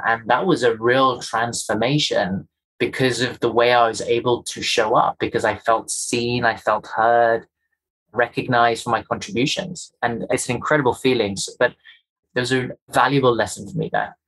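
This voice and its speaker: A man's voice: medium pitch, fairly even intonation, moderate pace, a bit bright, poor audio. A man from Kenya with a faint, polished Kenyan accent, a guest speaking earnestly and emphatically about his own experience in an interview. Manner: earnest, emphatic, repeats key phrases. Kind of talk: reflective interview talk.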